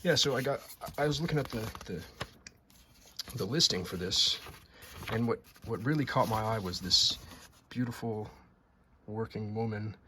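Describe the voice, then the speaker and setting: Casual male restorer, lowish voice, chatty and repetitive, noisy room with typing clicks. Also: moderate pace, long pauses, sharp tone. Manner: rambling, repeats words, enthusiastic. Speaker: typewriter restorer. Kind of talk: casual show-and-tell.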